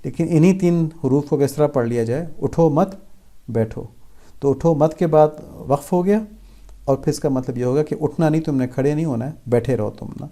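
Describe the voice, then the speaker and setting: Very dark-voiced man teaching religion. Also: on the high side. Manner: patient, explanatory, repeats key phrases for emphasis. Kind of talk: religious instruction talk.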